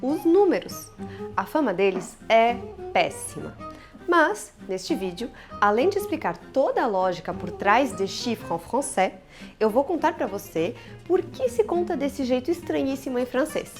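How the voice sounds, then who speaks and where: A woman with a Brazilian Portuguese accent teaching French numbers in an upbeat, playful online lesson, drilling each word slowly. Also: fairly high pitch, very animated, faint music behind.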